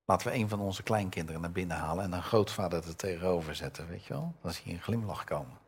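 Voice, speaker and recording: A man's voice: sits low, fast, husky. An older man preaching a conversational sermon, reading Bible verses aloud and asking his listeners questions. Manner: conversational, asks the audience questions; reads scripture with raised voice.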